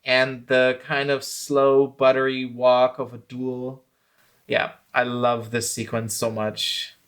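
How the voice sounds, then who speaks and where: This man, a filmmaker with his own channel, offers reflective commentary on how he created one of his documentaries. His delivery is monotone and slow, his mid-range voice fairly bright, and his self-critical thoughtfulness gradually turns to enthusiasm.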